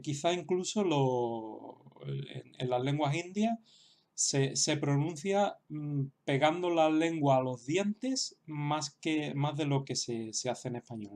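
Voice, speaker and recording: A man's voice: mid-range voice, darkish tone. Hesitant man teaching. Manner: hesitant, many fillers and restarts. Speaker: Sanskrit teacher. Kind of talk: explanatory lesson.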